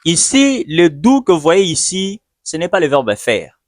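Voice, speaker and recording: A man teaching English in a video lesson, speaking patiently and repeating each example slowly. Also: fairly high pitch, big pitch swings, no echo. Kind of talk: video lesson, slow explanation.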